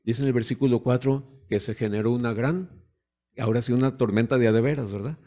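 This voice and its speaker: Brisk and mellow at medium pitch, a man preaches in a conversational way. He questions the congregation rhetorically and imitates parents and children.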